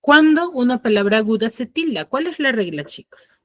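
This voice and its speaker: A woman's voice: a little high, sing-song, no echo. Questioning teacher woman. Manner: asks students repeated questions, slow emphatic explaining. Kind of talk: online class teaching.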